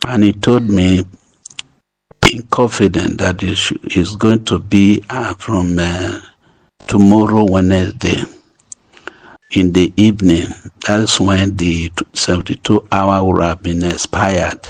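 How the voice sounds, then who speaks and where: A man speaking in a voice message played back to listeners, urging a group to stay calm in a halting way, restarting his phrases. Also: deep voice. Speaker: group leader addressing members. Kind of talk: voice note update to a group.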